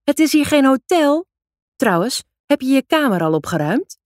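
A nagging mother in a storybook reading, her voice pitched up and reproachful, as a woman reader puts her on. The sound is close and dry, with no room around it. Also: very animated, moderate pace, darkish tone, dry recording. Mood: scolding. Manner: reproachful, raised voice. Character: nagging middle-aged mother scolding her teen daughter.

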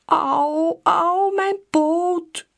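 A woman voicing an eager, impatient young male dog in a storybook, high and excitable, pushy and whiny. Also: unhurried. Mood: whimpering.

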